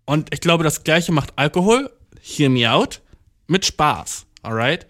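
A man's voice: on the high side, big pitch swings, measured pace, fairly bright tone. A man delivering a rambling comedic monologue, swearing constantly and mixing English slang into his talk, self-mocking and over-caffeinated. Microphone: audio-only recording.

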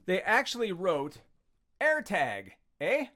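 A man's voice: high voice, huge pitch swings, takes it slowly, bright, forceful tone. A man hosting a podcast, telling a frustrated story in casual chat and acting out what others said. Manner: exasperated ranting storyteller, acts out quotes. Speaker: podcast host.

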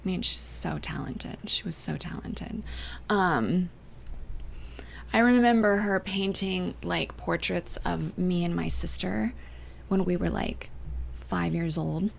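A young adult woman from Canada and Northern California, chatting as an interview guest, soft-spoken and often trailing off into near-whispers. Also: fairly low pitch, slow, vocal fry, a little hiss or hum. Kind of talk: casual interview chat.

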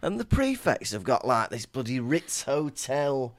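Jokey podcast host man, animated pitch. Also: unhurried, no echo. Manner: swears casually, jokey, drops fillers. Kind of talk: comic podcast banter and chapter recap.

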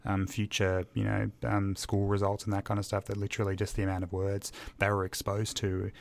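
Gravelly low-voiced man. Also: completely flat delivery, a little fast. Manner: emphatic and passionate, talks with his hands up. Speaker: podcast co-host. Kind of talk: casual podcast chat.

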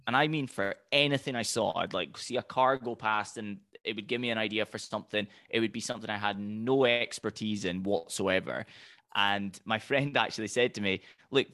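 A man with a Highland Scottish accent tells his own story conversationally, as a guest in an interview. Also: a bit bright, no room sound, clean studio sound. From Highlands of Scotland. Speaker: podcast guest, entrepreneur.

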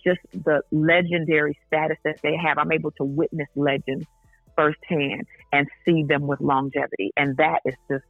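A woman's voice: low voice, level tone, normal speed, no room sound, faint music behind. A woman singer speaking as an interview guest, earnest and enthusiastic. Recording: tinny phone line.

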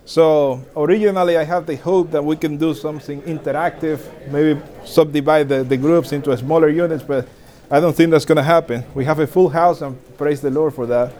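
In a fairly high voice with fairly even intonation, a man in his forties from the Dominican Republic speaks fairly quickly to a group of pastors. The talk is informal and warm; he laughs often, jokes at his own expense, and restarts a lot.

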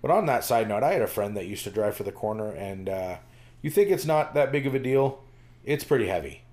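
A man's voice: lowish voice, animated, a little fast, a little mellow. Rambling male podcast co-host. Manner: rambling, full of fillers and restarts. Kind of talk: casual chat.

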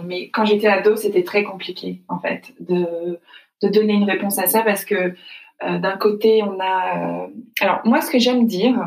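A woman from France, speaking as an interview guest, reflective and full of hesitant fillers. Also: medium pitch. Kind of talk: casual conversational interview. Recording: echoey room, distant from mic.

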